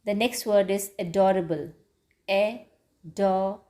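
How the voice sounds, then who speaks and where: A woman teacher giving a patient grammar lesson to children, repeating words slowly and clearly. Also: mid-range voice, lively intonation, darkish tone. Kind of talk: slow classroom grammar lesson.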